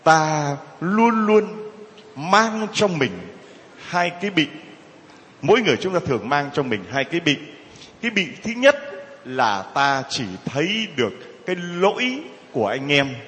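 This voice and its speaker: A man preaching a sermon to a congregation, lively and conversational, acting out gossiping people in mocking voices. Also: on the high side, long reverb tail. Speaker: priest.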